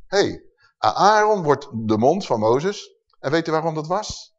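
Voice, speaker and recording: A man's voice: fairly high pitch, sing-song, unhurried. A man preaching a sermon, emphatic and full of rhetorical questions to his listeners. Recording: dull sound with long hall reverb.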